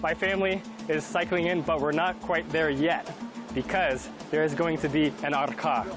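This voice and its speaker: Young guy from california hosting a travel show, upbeat, fairly high voice, music going behind him. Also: steady tone, moderate pace. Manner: upbeat, explanatory. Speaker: TV host. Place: outdoors at a wedding celebration.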